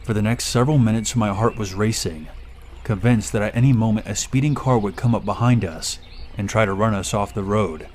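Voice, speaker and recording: A man reading a first-person horror story aloud in a steady, measured way. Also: on the low side, slight background noise. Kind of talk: scripted horror story narration.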